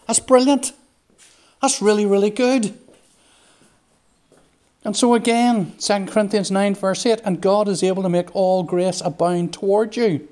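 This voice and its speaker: A man preaches a devotional message in a voice pitched a little above most men's. He is earnest and emphatic, circling back over key words again and again. When he reads scripture he slows to a careful pace. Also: a little mellow. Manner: earnest, emphatic, repeats phrases. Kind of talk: devotional sermon.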